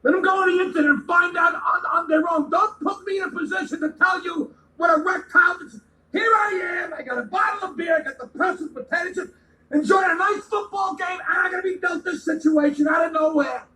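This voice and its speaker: A man delivering an angry comedic rant, often shouting, stumbling over repeated words and swearing. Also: extremely high pitch, a little fast, far from the mic. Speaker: ranting guest segment speaker. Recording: echoey room, away from the mic.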